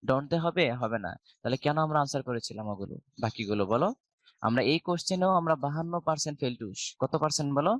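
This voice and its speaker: A man's voice: fairly high pitch, animated, fast, no echo. A middle-aged man with a Bangladeshi accent teaching an online English grammar class. He explains step by step and asks the students questions, then answers them himself.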